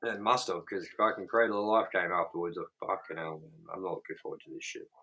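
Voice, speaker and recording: A young man co-hosts a movie review show, speaking bluntly and casually with lots of swearing in a profane, animated manner. His voice is low and quick, and the recording is rough.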